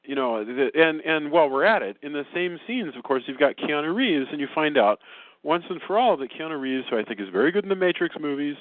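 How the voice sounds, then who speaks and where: A man hosting a casual film review podcast, talking in an animated, rambling way with many restarts. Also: on the high side, fairly quick, dry recording. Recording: phone-like remote call line.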